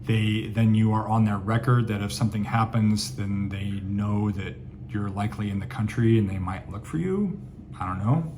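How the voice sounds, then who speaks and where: A man's voice: on the low side, normal speed, background noise. A man giving candid, chatty travel advice, answering viewer questions with frequent fillers and sarcastic asides. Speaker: travel vlogger. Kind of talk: casual Q&A monologue.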